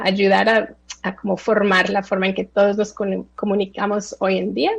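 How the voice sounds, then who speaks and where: A woman of about forty, born in Colombia and raised in the United States, gives a talk in an easy, chatty manner. Her mid-pitched voice carries a gravelly fry, and she often stops on filler sounds as she goes. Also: rough recording. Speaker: speaker giving a talk. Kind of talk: online talk.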